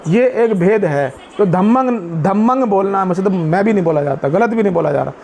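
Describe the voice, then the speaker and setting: A man speaking to a seated community meeting about Buddhist teachings, putting questions to his listeners and answering them himself, and chanting Pali verses slowly. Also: sits high, expressive, gravelly, darkish tone, a little hiss or hum. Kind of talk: explanatory talk to a seated group.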